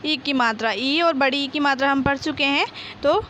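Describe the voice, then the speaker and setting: A woman's voice: high voice, normal speed, bright, forceful tone, a little hiss or hum. A woman teaching a lesson to young children. She sounds out each syllable, repeats whole words, and asks questions that she answers herself. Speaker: primary school teacher. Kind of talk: slow spelled-out reading lesson for young children.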